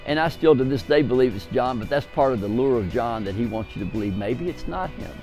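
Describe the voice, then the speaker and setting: A man's voice: medium pitch, expressive, a little fast, darkish tone, faint music behind. A man from a university's athletics staff, recalling a former player in a documentary interview.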